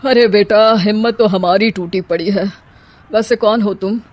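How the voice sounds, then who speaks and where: A woman voicing a blunt, irritable middle-aged father in a cartoon story, talking in a gruff, scolding way. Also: medium pitch, steady tone, a little slow, darkish tone, lightly acted. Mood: weary.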